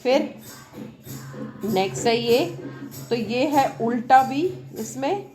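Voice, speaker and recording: Slow, loud woman teacher over background music. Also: a little high. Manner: talks loudly over outside noise; keeps checking with the class, asking "right?". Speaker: English teacher. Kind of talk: classroom lesson at a board, Hindi mixed with English. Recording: loud music and noise from a nearby event behind her. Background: music from a nearby program.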